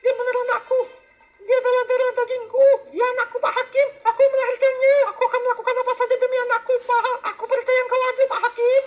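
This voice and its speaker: Squeaky, pleading cartoon young woman. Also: level tone, fast. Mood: insistent. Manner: pleading, stammering, melodramatic. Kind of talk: dramatic animated story dialogue. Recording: dull lo-fi audio with music behind.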